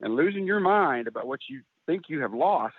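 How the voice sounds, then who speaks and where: Guy doing his mom, blunt and teasing, voice pushed up high, tinny phone sound. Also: animated, brisk, slightly rough, dry recording. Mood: scolding. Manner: sharp, needling, no-nonsense. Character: blunt, teasing mother of a grown son. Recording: tinny phone-like line, dry.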